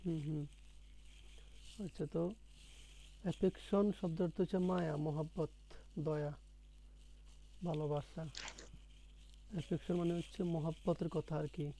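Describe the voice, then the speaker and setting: A man's voice: on the high side, fairly even intonation, unhurried, creaky, pauses often, dark tone, slight background noise, low-quality recording. A man teaching a one-on-one spoken English lesson, patiently repeating words and quizzing his student.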